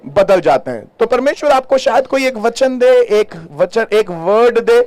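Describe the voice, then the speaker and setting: A man's voice: very high-pitched, animated, normal speed, a little mellow. A male pastor preaching a sermon in a church, asking the congregation questions and mixing in English phrases. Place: church hall.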